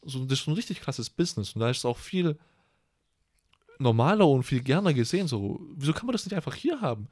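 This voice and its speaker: A man's voice: medium pitch, big pitch swings, fast, darkish tone, dry recording. A young man chatting casually and crudely as a podcast co-host, rambling and joking. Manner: loose, rambling, crude humor. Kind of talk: casual slangy chat.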